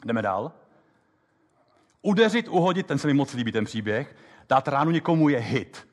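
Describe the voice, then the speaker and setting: A man giving a live lecture on memory techniques, explaining quickly and lively with many fillers. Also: mid-range voice. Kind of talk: live lecture with app demo. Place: lecture hall with audience. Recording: long hall reverb.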